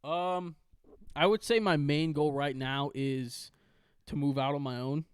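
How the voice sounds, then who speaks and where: A man's voice: on the high side, steady tone, measured pace, smooth, no room sound, clean studio sound. A young man co-hosting a casual podcast chat over a video call, laughing often and swearing casually. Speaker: podcast co-host.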